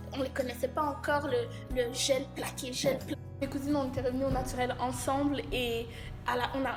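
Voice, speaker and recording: A woman in a casual group discussion, speaking earnestly and emphatically in a colloquial way. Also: high voice. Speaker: panel guest. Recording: echoey room with music.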